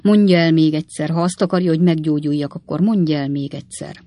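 A woman voicing a sentimental middle-aged gentleman in a storybook reading, pleading and earnest. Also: low voice, fairly even intonation, lightly acted. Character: fussy middle-aged gentleman, lovesick and dramatic.

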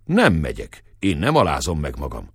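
A man's voice: rumbling low, huge pitch swings, breathy edge, no room sound, studio quality, voice pushed down, heavily acted. A man voicing a hostile, proud old shepherd who speaks suspiciously and tauntingly.

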